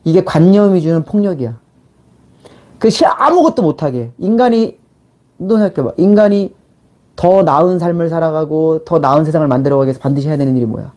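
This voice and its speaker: This middle-aged man hosts a channel as a life and money mentor, and here he delivers a casual, bluntly informal lecture full of rhetorical questions aimed at his listener. He acts out little quoted exchanges as he goes. His voice is on the high side, expressive and brisk, with a dark tone.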